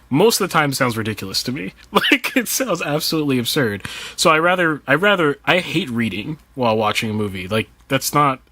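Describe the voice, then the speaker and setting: A man's voice: mid-range voice, sharp tone, dry recording. A man chatting casually on a podcast, rambling loosely and laughing between thoughts. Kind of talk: casual chat.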